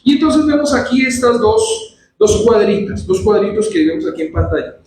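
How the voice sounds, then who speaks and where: A male pastor preaching an animated sermon in a church, acting out quoted voices. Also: high-pitched, moderate pace, a little hiss or hum. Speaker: pastor teaching a church service. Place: church hall. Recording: very echoey church hall from far off.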